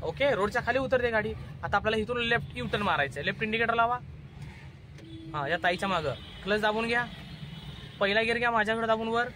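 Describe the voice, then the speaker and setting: A man giving a driving lesson from the passenger seat, calling out brisk step-by-step commands. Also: high-pitched, sharp tone, a little hiss or hum. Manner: instructive, repeats steps, brisk commands. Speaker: driving instructor. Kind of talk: in-car driving lesson vlog. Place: inside a car in city traffic.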